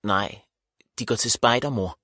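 A man voicing a dreamy young boy who loves nature adventures, speaking quietly and a little reluctantly in an audiobook. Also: lowish voice, dry recording, clean studio sound. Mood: quiet, polite.

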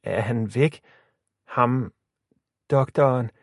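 A man's voice: mid-range voice, dry recording, clean studio sound, close to an everyday voice. A man voicing a frightened, thin younger girl in an audiobook story, with a small, thin voice. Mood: timid.

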